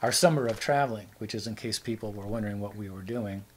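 A man's voice: lowish voice, quick pace, slight background noise, poor audio. A man co-hosting a casual chat show, rambling and joking as he talks. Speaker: show co-host.

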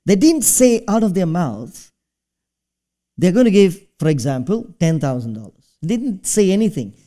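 A middle-aged pastor from Singapore addresses his congregation from the stage, preaching conversationally and posing questions. His voice is high and warm, with a sing-song lilt at a moderate pace.

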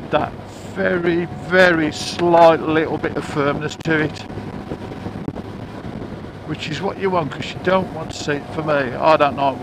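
A chatty man reviewing a motorbike while riding, speaking through a helmet microphone with wind noise around him. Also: fairly high pitch. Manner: chatty, enthusiastic, repeats words. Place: outdoors on a motorbike.

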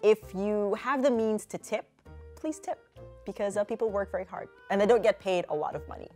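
Speaking fairly quickly in a medium-pitched, slightly mellow voice, this Filipino-accented young woman from the Philippines is a co-host on a relaxed travel chat. She's talkative and leans on "like" often, sitting on a sofa in an indoor studio while faint music plays behind her.

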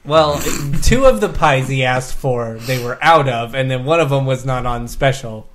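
A man's voice: mid-range voice, moderate pace, fairly bright tone, a little hiss or hum. A man co-hosting a casual gaming podcast, swearing freely and poking fun at himself. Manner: swears freely, self-mocking. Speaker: podcast co-host.

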